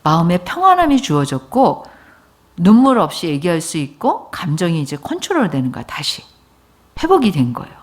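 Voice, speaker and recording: A woman's voice: fairly low pitch, huge pitch swings, normal speed. A woman pastor giving a sermon, telling a personal story in an informal, conversational way and speaking directly to her congregation. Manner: informal, conversational speech mixed with polite forms.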